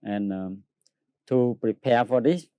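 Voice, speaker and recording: In an interview, a Cambodian man who sings opera tenor and grew up speaking Khmer replies in hesitant English, laughing often and using lots of fillers. His mid-range voice sounds warm and clean, with no echo.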